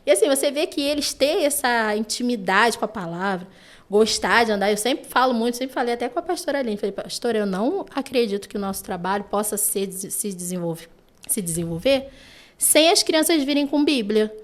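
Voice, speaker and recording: A woman with a Brazilian Portuguese accent, a children's ministry teacher, chatting on a podcast and telling lively stories with lots of "né" and "sabe". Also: on the high side, brisk. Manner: animated storytelling, frequent "né" and "sabe". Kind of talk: casual podcast chat.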